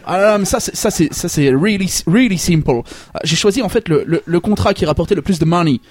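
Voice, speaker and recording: A man's voice: sits high, expressive, fast, darkish tone, dry recording, clean studio sound. A man playing a boastful, greedy manga author with a Belgian accent, stammering through heavy franglais. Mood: bragging. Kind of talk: comic parody interview.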